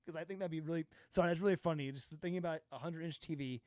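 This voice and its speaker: A man's voice: a little high, very fast, darkish tone, no room sound. A man chatting casually on a live stream as a filmmaker, rambling with lots of fillers, swearing now and then. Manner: rambling, filler-heavy, swears and laughs often. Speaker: filmmaker live-streaming his color grading.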